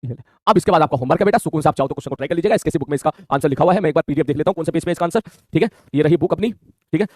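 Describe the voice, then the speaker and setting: A man teaching a physics lesson online, talking in a quick, colloquial way and checking in with his students constantly. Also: on the high side, darkish tone, dry recording, clean studio sound. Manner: rapid colloquial Hindi, calls students "mere bhai", frequent "theek hai".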